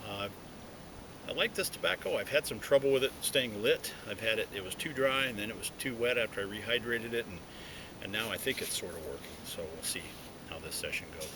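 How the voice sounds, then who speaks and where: An animated pipe-smoking video blogger chats on his own to viewers, casual and reflective, while sitting in a hollow tree outdoors. His speech is halting as he talks around his pipe, and the recording is noisy with a low rumble.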